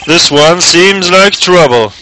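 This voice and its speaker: A man's voice: high-pitched, expressive, slow, bright, forceful tone, slight background noise, full character voice, poor audio. A man voicing a cold, formal young prosecutor who speaks with stiff disdain. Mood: disdainful. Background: game music.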